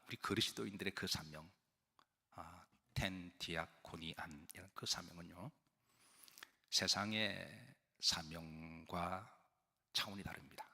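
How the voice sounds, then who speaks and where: A man's voice: sits low, creaky, sharp tone, slightly rough. A man preaching as senior pastor in a conversational sermon, explaining and putting questions to the congregation. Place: church sanctuary. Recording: long church hall reverb.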